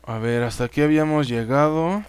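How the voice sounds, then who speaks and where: A Mexican man giving laid-back let's-play commentary, thinking aloud as he plays and cursing casually at the game. His voice sits a little high, and the recording is dry and close with no room sound. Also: a little fast, clear, resonant tone, no echo. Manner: chatty, swears freely, talks straight to viewers. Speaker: gaming YouTuber.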